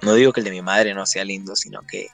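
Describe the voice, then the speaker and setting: A man's voice: low-pitched, steady tone, fast talker, gravelly, a bit bright, soft background music. A man from Colombia answering radio interview questions about his songs, telling stories reflectively with frequent restarts. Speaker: musician guest.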